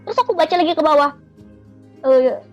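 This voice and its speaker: A woman with a high voice shares a personal religious testimony in an earnest, emotional way. She speaks straight to her listeners as friends, and soft music plays faintly behind her. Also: expressive, brisk. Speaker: testimony giver.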